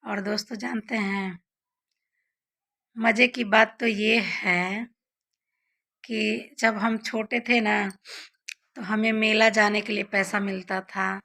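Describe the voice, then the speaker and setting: A woman's voice: medium pitch, steady tone, slow pace, creaky, long pauses, sharp tone. A young woman vlogger casually telling childhood stories to her viewers, often calling them friends.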